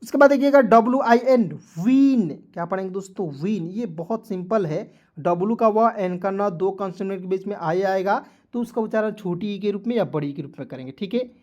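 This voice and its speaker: A man's voice: sits high, brisk, darkish tone. A man teaching an online video lesson, spelling words out letter by letter and repeatedly quizzing his viewers as friends. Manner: repetitive, addresses viewers as friends. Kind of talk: Hindi-language video lesson.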